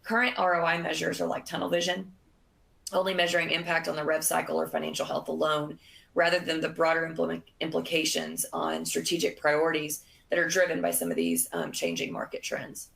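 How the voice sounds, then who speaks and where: A woman presenting a business webinar, losing her voice, in a measured delivery with frequent fillers. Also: low voice, little pitch movement, vocal fry, a bit bright.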